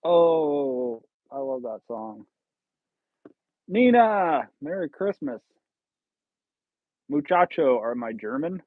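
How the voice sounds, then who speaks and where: A man's voice: medium pitch, big pitch swings, slow pace, pauses often, no echo. A man in his thirties hosting a casual livestream, joking and rambling with viewers in a self-teasing way. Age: 30s. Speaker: livestream host. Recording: tinny phone-like, dry sound.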